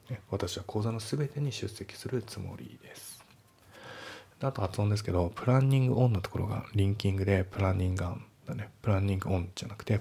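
A man's voice: fairly low pitch, creaky, mellow, slightly rough. A man teaching English for an exam, breaking sentences down step by step with casual asides. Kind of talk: spoken exam-prep lesson.

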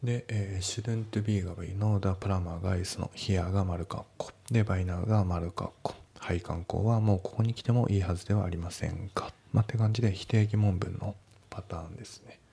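A male tutor explains practice questions casually, padding his sentences with easygoing filler words. His voice sits low and dark, with a heavy rasp of vocal fry and a very breathy, husky edge. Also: steady tone, moderate pace, few pauses. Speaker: English test tutor. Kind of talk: casual spoken lesson.

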